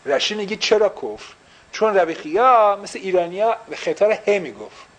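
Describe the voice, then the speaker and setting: Male teacher, slightly high voice, questions the class and drops in English phrases. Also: lively intonation, low-quality recording. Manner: explains with repeated rhetorical questions; mixes English phrases into Persian. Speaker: religious teacher.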